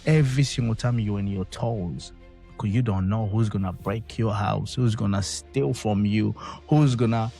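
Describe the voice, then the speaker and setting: A man's voice: lowish voice, normal speed, vocal fry, mellow, faint music behind. A man giving impassioned commentary, emphatic and repetitive, with non-native phrasing. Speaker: commentator reacting to a clip.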